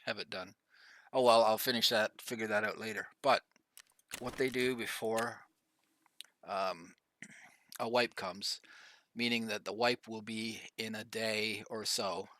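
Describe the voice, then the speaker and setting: Man, middle-aged, slightly coughy, bright forceful voice, low-ish pitch, rambling casual game commentary. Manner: rambling, many fillers, coughing now and then. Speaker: gaming YouTuber.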